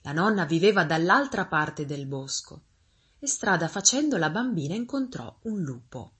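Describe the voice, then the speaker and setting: A woman reading a fairy tale aloud as a storyteller, expressive and gently paced. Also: on the low side, normal speed, husky.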